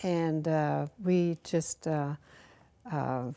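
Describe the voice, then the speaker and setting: An older woman from Germany, married to an army officer, answering interview questions in a hesitant, halting way with many fillers, recorded on a lapel mic in a dark studio. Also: low voice, gravelly, clean tone. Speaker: interview guest, officer's wife.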